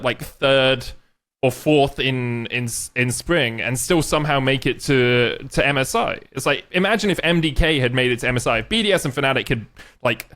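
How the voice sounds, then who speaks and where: A man's voice: medium pitch, a bit bright. A man co-hosting an esports podcast, giving rambling, wry analysis with dry jokes. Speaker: podcast co-host. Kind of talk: casual esports chat.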